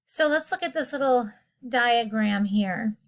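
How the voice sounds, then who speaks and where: A woman's voice: fairly high pitch, unhurried. A woman teacher casually explaining a science lesson, often rephrasing as she goes. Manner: casual, explanatory, self-correcting.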